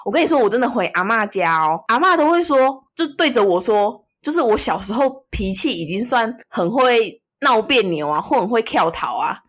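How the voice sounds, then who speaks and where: A woman co-hosting a casual chat podcast, with a slightly high voice. She reacts with quick exclamations and repeats words for emphasis. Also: big pitch swings, a bit bright. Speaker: podcast co-host.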